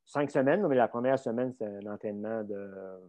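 A man with a Québécois French accent telling a story casually as a guest, animated and full of filler words. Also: fairly low pitch, normal speed, dry recording. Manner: animated, fills talk with "là" and mild swearing.

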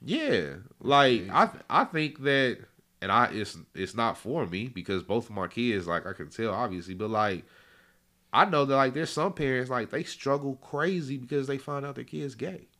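A man's voice: mid-range voice, lively intonation, normal speed, sharp tone. A man in his late twenties, a guest in a casual podcast chat, talking in a laid-back, rambling way full of slang and fillers. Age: 20s.

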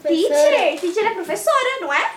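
A woman's voice: very high-pitched, very animated, moderate pace, a crowd in the background. A young woman working as a museum educator, chatting playfully with children, cheerful and encouraging, praising them often. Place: museum TV studio. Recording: roomy studio with background noise.

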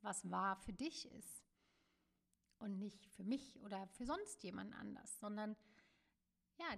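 Gentle woman hosting a reflective podcast. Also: a little high, vocal fry. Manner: gentle, searching, with many fillers and soft trailing phrases. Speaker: podcast host. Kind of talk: reflective solo podcast monologue.

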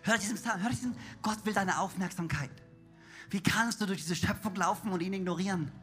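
A man preaching a sermon in a church, his voice worn from shouting, swinging between hushed whispers and loud cries and dropping in English words. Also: high-pitched, a little fast, faint music behind.

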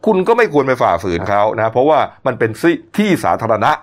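A man hosts a news talk show, walking through stories in a chatty, opinionated manner. His voice sits at a middle pitch, and he sprinkles his speech with polite particles. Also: very animated, quick pace. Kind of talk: conversational news commentary.

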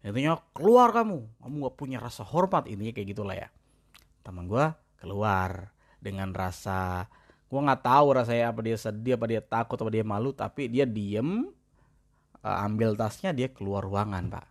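A man's voice: lowish voice, normal speed, creaky, long pauses. Young man, casual chat, rambling, slangy, restarts often.

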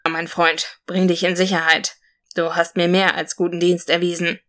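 A woman's voice: lowish voice, level tone, moderate pace, fairly bright tone, close to an everyday voice. A woman voicing a brave, earnest male forest warrior in a storybook reading. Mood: solemn. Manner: earnest, solemn speech.

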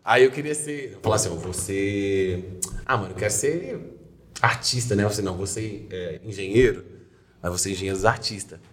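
A young man with a Minas Gerais accent chatting as a podcast guest, telling stories in a lively way and slipping into quick impressions. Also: on the low side, slight background noise. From Minas Gerais, Brazil. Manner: lively storyteller, slips into quick impressions of others. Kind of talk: casual chat.

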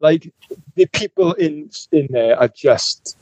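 Man from the UK, podcast co-host, slightly high voice, husky, dry sound. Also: takes it slowly, no echo, rough recording. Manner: excitable storyteller, laughs often, swears casually. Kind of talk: casual chat.

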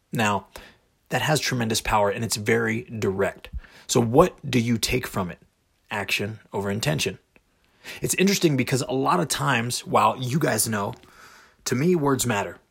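A man's voice: medium pitch, gravelly, a bit bright, breathy edge. A man hosting a motivational podcast monologue, speaking directly and emphatically with rhetorical questions. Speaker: podcast host.

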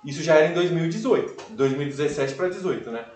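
A young man tells his story as a podcast guest, animated and full of fillers. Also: on the high side, quick pace, faint music behind. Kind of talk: casual testimony storytelling. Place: live event room. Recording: echoey room, voice far from mic.

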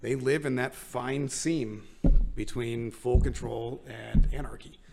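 Rambling gravelly American podcast host. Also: male voice, mid-range voice, steady tone, heavy background noise. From United States. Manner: rambling, self-mocking, quick to laugh. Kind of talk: casual chat.

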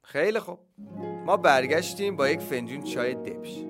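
A man hosting and reading a children's story aloud, with lively, animated narration. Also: a little high, music in the background. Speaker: host and storyteller.

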